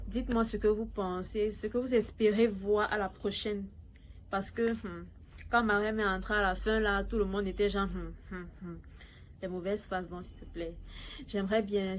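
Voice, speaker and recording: In a noisy recording, a woman who reviews series on YouTube chats through a casual recap of her opinions. Her mid-range voice carries a foreign accent in French, a non-native language for her; she hesitates and slips into English, in which she is fluent.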